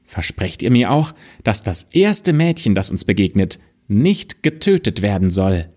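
Man doing a gentle young brother, slightly lifted voice, slow, lively, storybook. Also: on the low side. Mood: teasing.

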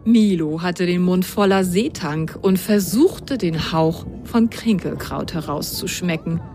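A woman narrating a children's storybook in a lively, expressive way. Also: on the low side, unhurried, faint music behind.

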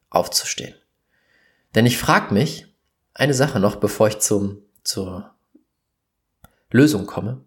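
A man speaks an earnest, emphatic monologue straight to camera. He leans on pauses to let points land and now and then breaks into exasperated outbursts. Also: medium pitch. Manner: earnest and emphatic, pausing for weight, bursts of exasperation. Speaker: vlogger.

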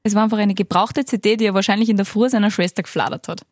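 A woman's voice: mid-range voice, fairly even intonation, racing, no room sound. A young woman with an Austrian accent, co-hosting a casual chat podcast, giggly and teasing as she rambles through her stories. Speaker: podcast co-host.

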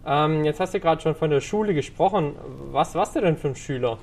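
A man's voice: on the high side, fairly quick, darkish tone, slight background noise. A man hosting a fitness podcast, asking his guest questions in a friendly manner with frequent filler sounds. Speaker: podcast host. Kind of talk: casual interview hosting.

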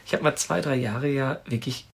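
Gravelly-voiced man around forty. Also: medium pitch, moderate pace. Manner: chatty, animated storyteller. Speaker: podcast co-host. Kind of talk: casual chat.

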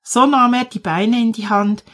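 A woman reading a storybook aloud in a calm, measured storytelling manner. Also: on the high side. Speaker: narrator.

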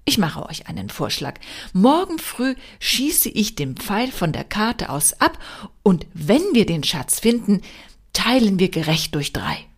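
A woman's voice: mid-range voice, big pitch swings, unhurried, slightly rough, full character voice. A woman voicing a self-important army general in a read-aloud folk tale, commanding and boastful. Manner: bellowing, commanding.

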